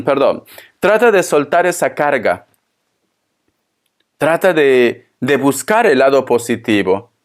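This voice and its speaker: A man giving a spoken tarot reading, talking to the listener in a consoling, tender way and repeating his phrases. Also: medium pitch. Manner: slow, repetitive, consoling, addresses the listener tenderly. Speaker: tarot reader.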